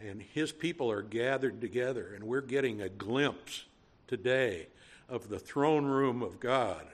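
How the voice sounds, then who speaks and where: A man with a Cajun accent preaching a sermon, teaching in a measured way and driving points home through repetition. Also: mid-range voice. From Louisiana.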